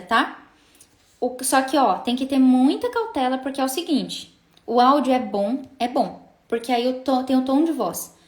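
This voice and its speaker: Brazilian woman, singing business coach, high-pitched, chatty, echoey room. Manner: chatty, frequent tag questions and restarts. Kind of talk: casual live-stream teaching.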